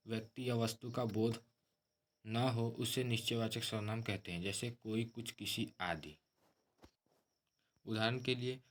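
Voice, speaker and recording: A man's voice: medium pitch, fairly bright tone. A man teaching a grammar lesson, explaining terms steadily and often addressing listeners as friends.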